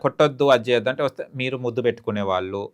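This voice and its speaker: A man, a talk-show guest making an emphatic, pleading case and rising in pitch when he urges. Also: very fast. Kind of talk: heated opinion talk.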